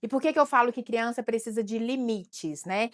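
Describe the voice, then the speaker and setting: A woman with a Brazilian Portuguese accent talks to the camera as a therapist advising parents. Her voice sits a little high. She keeps a conversational tone and often closes her phrases with a quick tag question. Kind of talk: advice talk to camera.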